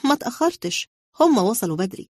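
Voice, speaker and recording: A woman's voice: on the high side, very animated, fast, a little mellow, no room sound, studio quality. A woman voicing a restless young man who banters playfully and defensively, reading a storybook role. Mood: teasing.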